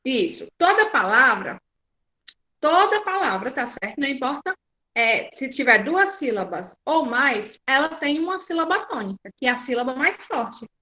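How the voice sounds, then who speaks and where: A woman's voice: sits high, sing-song, moderate pace, sharp tone. A Brazilian woman teacher giving an online class, patient and checking often that her students follow. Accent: Brazilian Portuguese. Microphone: video call. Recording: muffled lo-fi video call audio.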